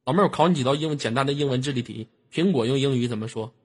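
A man with a Northeastern Chinese accent hosting a stream, teasing his guest with crude jokes, loud mockery and constant swearing, sometimes bursting into shouts. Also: medium pitch, rapid-fire. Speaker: livestream host. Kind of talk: crude joking banter.

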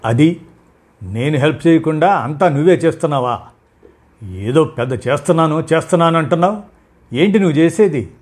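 A bitter young husband who snaps and scolds in a raised, loud voice. His tone is husky and reproachful, as a male storyteller plays him. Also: fairly high pitch, fairly quick, pitched above the performer's own voice, close to an everyday voice. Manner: reproachful, snapping.

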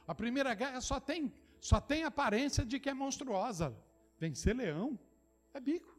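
A middle-aged Brazilian pastor from São Paulo preaching a sermon, moving between quiet, close asides and shouted declarations, repeating phrases straight to the congregation. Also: male voice, lively intonation, moderate pace, soft background music. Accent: Brazilian Portuguese, São Paulo. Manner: impassioned preaching that swings from low, intimate asides to shouted declarations.

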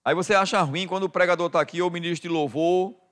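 Brazilian pastor man preaching, fairly high voice. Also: fairly even intonation, fast, clear, resonant tone. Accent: Brazilian Portuguese. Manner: addresses the congregation as "querido" constantly, swings from quiet to loud. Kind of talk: sermon.

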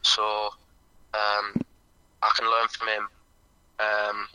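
A young man, a footballer calling in to a podcast, heard over a phone on speaker, answering in a halting, modest way with lots of "um" and "like". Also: fairly low pitch, completely flat delivery, sharp tone, slight background noise, poor audio. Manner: halting and modest, filling gaps with "um" and "like". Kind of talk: casual phone-in interview.

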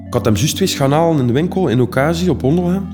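A man's voice: on the high side, expressive, fast talker, over music. A young Flemish man telling his own stories casually, rambling in a streetwise way with many fillers. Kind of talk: casual personal storytelling.

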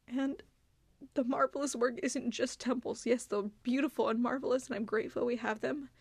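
Female podcast host, sincere and conversational, slight vocal fry, dry recording. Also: fairly high pitch, steady tone, moderate pace, no room sound. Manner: earnest, heartfelt, conversational with many fillers. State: tearful, choked up. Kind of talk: devotional podcast talk to mothers.

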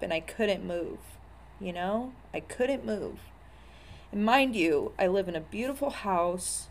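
A woman's voice: mid-range voice, a little hiss or hum. A woman in her thirties telling her own story candidly, in a blunt, profane way with many fillers.

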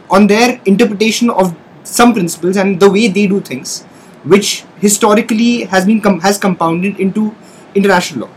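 A man's voice: sits high, slightly rough, rough recording. A man speaking as a podcast guest, earnestly explaining ideas and restarting phrases as he searches for words. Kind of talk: casual explanatory discussion.

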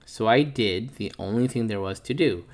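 A man reading a picture book aloud to his child, telling it playfully in a wolf narrator's voice and pausing to chat with the child. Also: lowish voice, a little hiss or hum. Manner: playful storyteller voicing the wolf narrator, chatting with his child between pages.

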